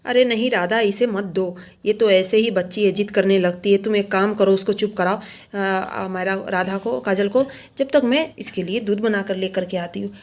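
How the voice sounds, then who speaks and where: A woman's voice: mid-range voice, steady tone, normal speed, a little mellow, lightly acted. A woman voicing a firm, scolding elder sister-in-law in a village doll story.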